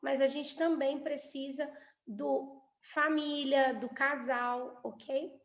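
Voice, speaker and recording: High-voiced Brazilian woman teaching couples. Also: steady tone, slow. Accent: Brazilian Portuguese. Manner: explains with acted everyday examples. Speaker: couples mentor. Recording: echoey room, dull lo-fi sound.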